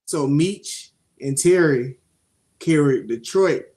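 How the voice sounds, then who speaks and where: A young man, co-hosting a casual show review and telling stories in an animated, streetwise way, swearing freely. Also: a little high, slow. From Jacksonville, Florida (Duval). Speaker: podcast co-host.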